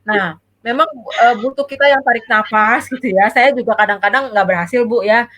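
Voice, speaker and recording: A woman's voice: on the high side, fairly even intonation, brisk, a bit bright, low-quality recording. A woman child psychologist, giving parenting advice in a casual talk and explaining patiently with frequent tag phrases. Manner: explains patiently, keeps repeating "gitu ya".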